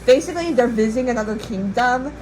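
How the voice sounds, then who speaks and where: A podcast host and storyteller retells a legend to her co-host in a loose, rambling, playful way, acting out sounds and voices. Her pitch is fairly high and expressive, and she talks quickly. The recording is low quality, with music underneath.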